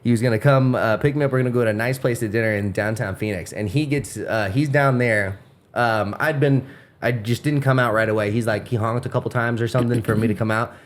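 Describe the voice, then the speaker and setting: A man's voice: medium pitch, fairly quick. A man hosting a podcast, telling a long, rambling, profane story in casual chat. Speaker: podcast host.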